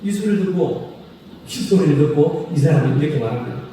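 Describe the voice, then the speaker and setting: Dark-voiced pastor in an echoey church. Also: male voice, on the high side, expressive. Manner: asks the congregation questions and repeats key phrases; slow, solemn scripture reading. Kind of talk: sermon. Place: church sanctuary. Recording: echoey hall reverb from a distant mic, faint noise.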